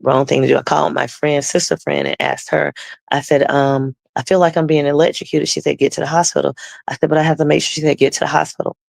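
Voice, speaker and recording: A woman's voice: low voice, lively intonation, fast, vocal fry, dry recording. A woman guest telling her personal testimony conversationally, acting out the dialogue she quotes.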